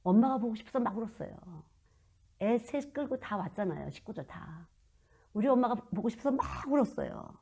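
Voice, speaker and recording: A woman in her fifties preaching a sermon and telling stories from her own life, moving between loud emphasis and hushed asides. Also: a little high, animated, brisk, breathy edge. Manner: storytelling, swings from loud to hushed. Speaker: children's missionary preacher.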